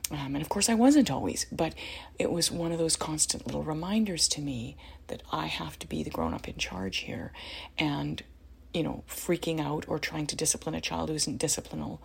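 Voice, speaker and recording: A woman's voice: low voice, animated, normal speed, gravelly, a little mellow, breathy edge. A middle-aged woman giving parenting advice in a casual, earnest and encouraging way, often adding "you know" and "right?". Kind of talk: casual spoken advice talk.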